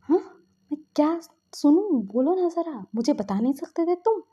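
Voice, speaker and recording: A woman's voice: on the high side, normal speed, warm tone, breathy edge, dull audio. A woman voicing an angry, protective young older brother who scolds and demands answers. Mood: angry scolding.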